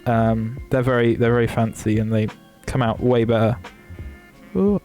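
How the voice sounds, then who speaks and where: A man's voice: mid-range voice, level tone, normal speed, over music. A young man, streaming from his desk and chatting casually, swearing freely and interrupting himself. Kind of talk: casual livestream chat.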